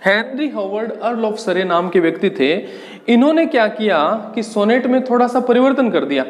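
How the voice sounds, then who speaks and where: A man teaching English literature for exam prep, explaining slowly, repeating key terms and asking rhetorical questions. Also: high voice, animated. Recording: echoey, reverberant room.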